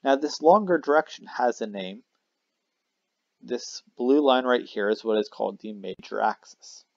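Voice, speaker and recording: A man's voice: medium pitch, moderate pace, vocal fry, no echo. A man teaching a math lesson, explaining casually, correcting himself with frequent "uh" fillers as he draws. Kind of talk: recorded math lesson at a whiteboard. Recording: dry, slightly dull lo-fi mic.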